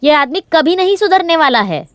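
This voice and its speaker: A jealous village wife for a film, always complaining and reproachful. Her voice is high and sounds dry and close to the mic. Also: sing-song, normal speed, dry recording. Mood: scolding. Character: scolding, jealous middle-aged village wife. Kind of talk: Hindi film dub.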